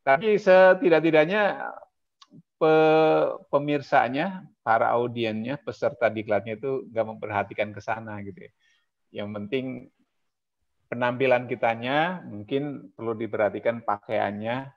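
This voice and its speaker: A male trainer talking casually on a video call in a relaxed, chatty, self-deprecating way. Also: medium pitch, unhurried, gravelly. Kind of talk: casual webinar talk. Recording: slightly dull lo-fi sound.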